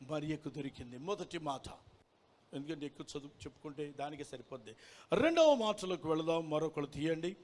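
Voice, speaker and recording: Male preacher, high voice, fervent sermon delivery, call-and-response questions, sharp swings in loudness. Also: expressive, fairly quick. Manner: swings between soft pleading and loud shouted preaching; asks the congregation questions and repeats phrases. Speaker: pastor.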